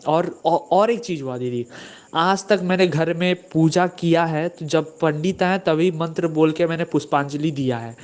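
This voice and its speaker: Young man, fairly high voice, earnest and halting, circles back on his words. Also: darkish tone. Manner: earnest, halting, repeats himself. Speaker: devotee sharing experience. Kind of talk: personal testimony.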